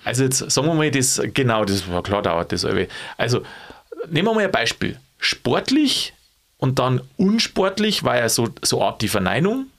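A man with a Bavarian accent chats casually as co-host, musing and playful and quick to laugh. His voice is gravelly with a little fry. His pitch rises and falls widely as he talks. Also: big pitch swings, fairly bright tone. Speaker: podcast co-host. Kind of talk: casual chat.

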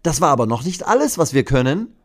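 A man voicing a bold, cheerful young girl who leads chants, shrill and shouting like a cheerleader. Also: very animated, normal speed. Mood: eager.

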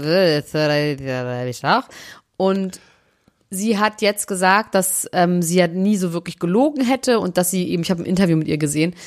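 Chatty woman with a lowish voice. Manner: lively, chatty gossiping. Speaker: podcast co-host. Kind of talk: casual chat.

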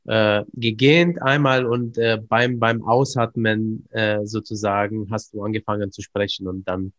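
A man's voice: lowish voice, level tone, measured pace, fairly bright tone, dry recording. A male podcast host who agrees readily and sums up the demonstrations for listeners.

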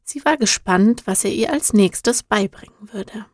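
A woman reads a children's storybook aloud at a slow, unhurried pace, calm and even in her telling. Her voice is dry and close to the mic, with no room echo at all. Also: mid-range voice. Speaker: audiobook narrator. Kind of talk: scripted storybook narration.

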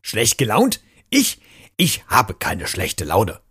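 Man doing a grouchy male chimpanzee, low slow mutter, husky voice, storybook reading. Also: pushed and bright, heavily acted. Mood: grumbling. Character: grumpy male chimpanzee who denies it.

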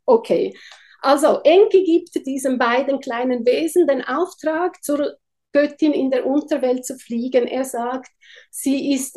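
A woman's voice: high voice, darkish tone. A woman with a Swiss German accent who retells an old myth in a podcast chat and acts out the voices she quotes. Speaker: storyteller guest.

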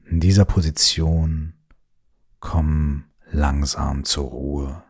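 A man guides a listener toward sleep in a very slow, soothing voice. His tone is deep and a little husky, and he often drops to a soft whisper. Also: level tone. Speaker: meditation guide.

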